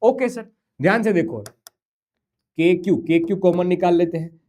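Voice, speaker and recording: A man's voice: sits high, normal speed, darkish tone. A man teaching a physics lesson at a whiteboard, coaxing and a little singsong as he talks to his students. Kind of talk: whiteboard lecture.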